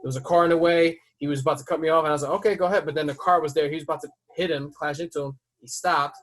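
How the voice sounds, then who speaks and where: A man hosting a podcast who tells a story in casual chat. He swears freely and breaks into loud, heated outbursts as he retells it. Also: a little high, steady tone, very fast. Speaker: podcast host.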